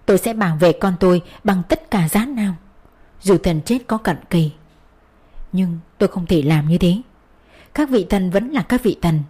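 A woman's voice: on the low side, animated, moderate pace, dark tone, husky. A woman narrating a first-person story in an earnest, sorrowful reading style. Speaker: audiobook narrator.

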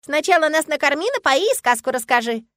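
A woman voicing a small, bossy and excitable girl who asks strict, demanding questions. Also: high voice, fairly quick, dry recording, studio quality, pitched above the performer's own voice. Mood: excited shrieking.

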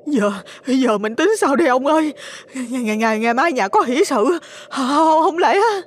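A man voicing a terrified, stammering older woman, the landlord's wife, pleading in a high, shaky voice. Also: expressive, moderate pace. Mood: panicked.

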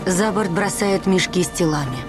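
Woman narrating film action over loud soundtrack. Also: on the low side, normal speed. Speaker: audio describer narrator. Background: film music and engine noise.

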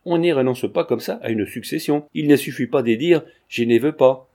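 A man's voice: medium pitch, normal speed, warm tone, lightly acted. A man reading aloud, voicing a jovial, moralizing provincial older man with a pompous manner. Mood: insistent. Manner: sententious, pompous.

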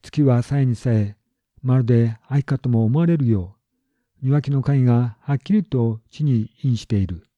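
A male narrator reads a classic story in calm, measured phrases. His voice is very dark and mellow, close and dry, and the recording sounds dull and lo-fi. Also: medium pitch, dry recording. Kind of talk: scripted narration of a literary story.

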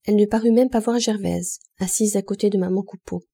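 A woman reading a classic novel aloud as an audiobook narrator, steady and measured. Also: mid-range voice, gravelly, husky.

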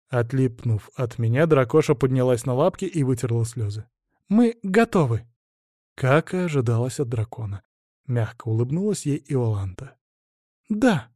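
A man narrates a fantasy book at an even, measured pace. His voice is mellow and dark, recorded close and dry with no room sound. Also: medium pitch, no room sound. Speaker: audiobook narrator. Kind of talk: scripted narration.

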